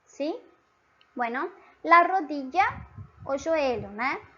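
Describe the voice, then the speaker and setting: A woman's voice: high-pitched, lively intonation, takes it slowly, a bit bright, highs cut off. A woman with a Brazilian Portuguese accent giving an online language lesson, patient and explanatory, often checking in with the listener. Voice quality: patient, repeats and checks with frequent tag questions. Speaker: language teacher.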